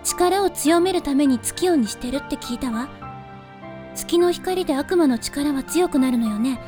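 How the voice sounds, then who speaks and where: A woman voicing a soft, calm and gently teasing young woman who guards a moonlit forest, in a voice drama. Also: high-pitched, moderate pace, soft background music. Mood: gentle. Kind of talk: voice drama acting.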